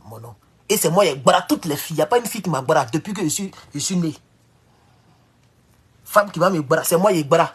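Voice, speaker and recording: There's a breathy edge to this man's voice as he rambles through a casual live-stream monologue for viewers, switching between loud, high outbursts and low mutters.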